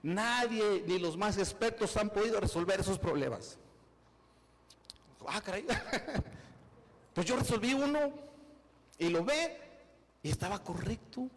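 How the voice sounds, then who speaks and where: A man preaching a sermon, acting out people's excuses and building to loud, emphatic preaching. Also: high voice, long reverb tail. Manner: acts out excuses in quoted voices, rises to loud emphatic preaching. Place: church hall.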